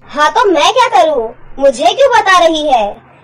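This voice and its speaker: A woman's voice: high voice, very animated, normal speed, soft background music, low-quality recording. A woman playing a harsh, cruel stepmother in a cartoon story, scolding with contempt.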